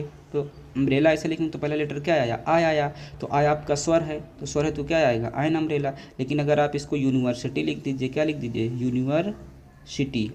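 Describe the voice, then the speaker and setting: Male grammar tutor, a bit high-pitched, repetitive question-and-answer drilling, faint noise on the recording. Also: darkish tone. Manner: repetitive rhetorical questions to students. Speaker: English teacher. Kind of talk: board exam grammar lesson.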